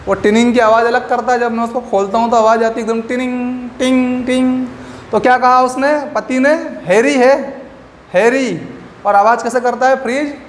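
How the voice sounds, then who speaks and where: A man's voice: extremely high pitch, fairly even intonation, fast talker, few pauses. A man teaching a lecture class, asking questions and answering them himself with memory tricks. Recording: echoey room with faint background noise.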